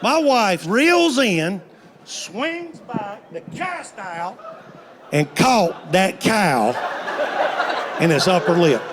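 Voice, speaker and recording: Over crowd noise, a comedian in his 50s tells folksy stand-up stories extremely slowly in a high, sing-song voice, building to playful punchlines.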